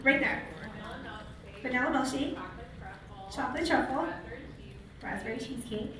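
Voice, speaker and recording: A woman's high-sitting voice moves at a moderate pace over crowd noise as she, an American from Utah, runs a casual live product training and asks her audience questions. The large room sounds echoey, the mic is distant, and the recording is noisy.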